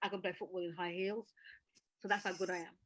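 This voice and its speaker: A British woman hosting a casual discussion, animated and laughing often as she acts out other people's reactions. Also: fairly low pitch, quick pace, no echo. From Britain. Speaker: podcast host.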